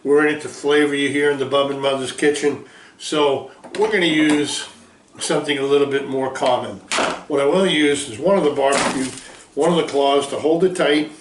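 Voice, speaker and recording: A man's voice: mid-range voice, steady tone, moderate pace, roomy sound, slight background noise. Upbeat folksy man demoing barbecue. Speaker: small food business owner. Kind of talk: cooking demonstration. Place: kitchen.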